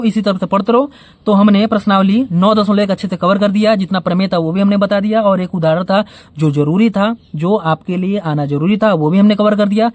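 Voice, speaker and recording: A man's voice: high-pitched, darkish tone, no room sound. A man teaching a school maths lesson, explaining step by step, asking rhetorical questions and encouraging his students in a casual way. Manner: encouraging, informal sign-off.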